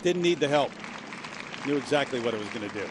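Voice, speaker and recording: A man's voice: mid-range voice, animated, quick pace, a crowd in the background. A man giving live play-by-play as a golf commentator. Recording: clearly noisy outdoor broadcast.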